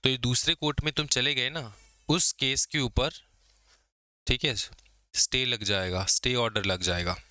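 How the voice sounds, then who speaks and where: A young man teaching an exam-prep law class, often checking whether students follow and slowing down to dictate definitions. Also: medium pitch, sharp tone, no echo. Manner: explains casually, checks understanding with repeated questions; slows to dictate English definitions. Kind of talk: exam lecture.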